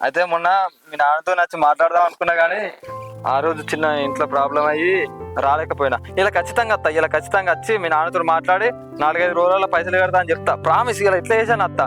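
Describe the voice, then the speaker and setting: An actor with a Telangana Telugu accent playing a proud young village postman who is quick to get indignant. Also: a little high, music in the background, close to an everyday voice. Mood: pleading. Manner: pleading, then heated and indignant. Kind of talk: village drama acting.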